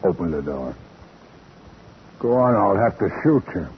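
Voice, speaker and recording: Low-voiced, uneasy reluctant gunman. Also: very animated, a little slow, noisy background. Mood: uneasy, threatening. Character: reluctant, nervous male accomplice holding a gun. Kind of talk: 1940s radio acting. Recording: muffled old radio recording, music behind.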